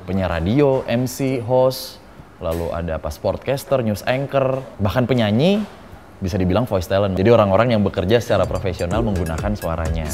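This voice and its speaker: A man's voice: lowish voice, a little fast, a little mellow, faint music behind. A man who works as a voice over talent, chatting casually and playfully, showing off intonations and voices. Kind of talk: casual explanatory interview.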